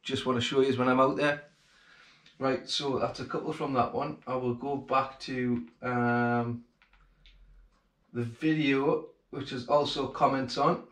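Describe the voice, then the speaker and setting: A fishing-channel host from England, in his forties, vlogs casually at home in a mid-range, fairly bright voice. He chats gratefully and plainly to camera, first in the kitchen and then the living room, where the sound echoes a bit.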